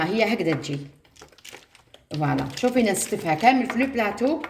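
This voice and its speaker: Fast-talking Algerian woman cooking. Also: mid-range voice, reverberant, slight background noise. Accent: Algerian Arabic. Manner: chatty, mixes French words, talks to viewers as she works. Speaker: cooking vlogger. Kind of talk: casual cooking tutorial.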